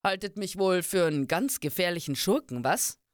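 A woman voicing a boisterous, brawny male warrior who teases loudly and boasts. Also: fairly low pitch, lively intonation, normal speed, no room sound, studio quality, lightly acted. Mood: mocking. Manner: loud, boastful, teasing.

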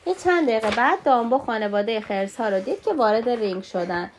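A woman reading a storybook aloud to her children at home, pausing to explain words. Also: a little high, expressive, a little hiss or hum.

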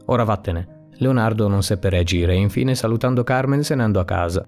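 A man narrating a dramatic story podcast in a steady, plain reading voice. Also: fairly low pitch, a little fast. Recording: faint background music. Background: soft music.

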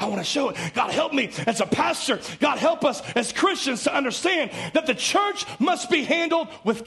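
A male pastor delivers a fervent sermon, climbing to shouts and then sinking into low, intense passages. His voice sits high and carries a gravelly rasp. He preaches with urgent conviction.

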